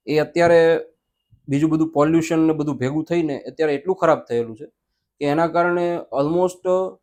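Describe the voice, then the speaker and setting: Measured male doctor. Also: fairly high pitch, a little mellow. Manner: explanatory, measured, with English medical terms. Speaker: ENT doctor. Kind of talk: medical interview answers.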